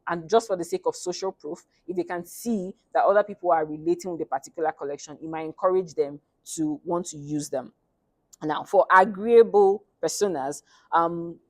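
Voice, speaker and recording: A woman giving an academic thesis presentation in a hesitant, halting way, often restarting her phrases. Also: lowish voice, dry recording. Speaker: student presenting research at a thesis defense. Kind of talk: academic presentation, semi-scripted.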